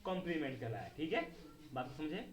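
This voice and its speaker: A man's voice: on the high side, big pitch swings, fast talker. A man teaching a grammar lesson to a class. He speaks, repeats key words and keeps asking whether the students understand.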